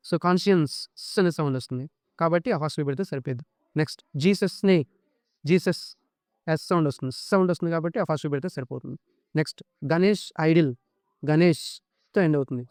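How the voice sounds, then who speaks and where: Telugu-accented male grammar tutor, crisp tone, switches to slow deliberate English for rules. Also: on the high side, a little mellow, dry recording, clean studio sound. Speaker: English teacher. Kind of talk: exam-prep grammar lesson.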